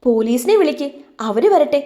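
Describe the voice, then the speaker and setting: Casting: a woman doing a brusque young guy, impatient and dismissive, dark tone. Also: sits high, expressive, moderate pace. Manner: blunt, dismissive. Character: blunt impatient young man.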